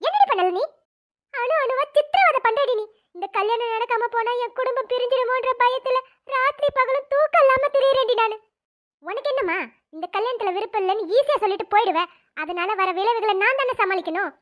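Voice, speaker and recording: A woman's voice: very high-pitched, animated, quick pace. A woman voicing a wailing, furious cartoon mother. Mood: wailing angry. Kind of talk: cartoon voice acting.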